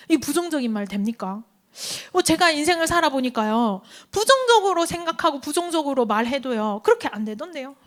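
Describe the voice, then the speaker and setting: High-voiced woman preaching to teens. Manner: animated storytelling, acts out quoted voices, asks the listeners questions. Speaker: youth group preacher. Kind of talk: sermon to teens.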